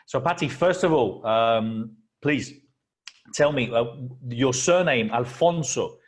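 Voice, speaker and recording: A man's voice: medium pitch, expressive, slow pace. A man from Spain, hosting a stage interview in an effusive, eager way. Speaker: host and founder. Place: convention expo venue.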